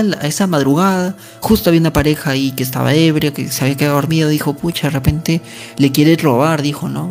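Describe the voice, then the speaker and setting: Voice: medium pitch, vocal fry. A narrator casually retelling a ghost story in a conversational way, often tagging lines with questions and fillers.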